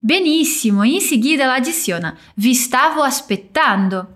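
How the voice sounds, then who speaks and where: A woman teaching a language, modelling short phrases slowly for listeners to repeat. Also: high-pitched, animated, a bit bright. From Brazil. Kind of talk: guided pronunciation drill.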